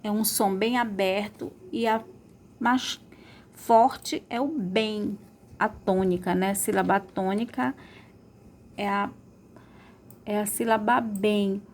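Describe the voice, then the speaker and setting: During an online school lesson, a female teacher elongates words to demonstrate their sounds and frequently checks on her students. She speaks slowly in a steady, mid-range voice with long pauses, and there's a little background noise.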